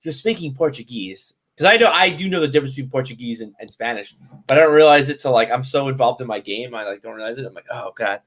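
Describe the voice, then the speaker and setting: This podcast co-host is a young, easygoing guy who jokes, rambles, and laughs a lot during a casual chat. His mid-range voice is expressive and fairly bright, and he talks at a quick clip.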